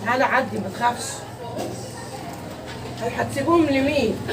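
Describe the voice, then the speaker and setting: A woman's voice: sits high, moderate pace, background noise. An older woman with an Egyptian Arabic accent, ranting and quarreling in a heated street argument, laughing bitterly between complaints. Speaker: landlady in a street dispute. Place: outdoors on a street. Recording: street crowd behind.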